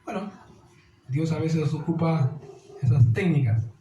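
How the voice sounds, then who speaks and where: A pastor delivers an earnest sermon, his voice pitched fairly high yet mellow in tone. He keeps asking his listeners rhetorical questions. The echoey church hall carries a faint hiss of noise. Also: a little slow, muffled recording. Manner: earnest preaching, calls listeners "dear", asks rhetorical questions.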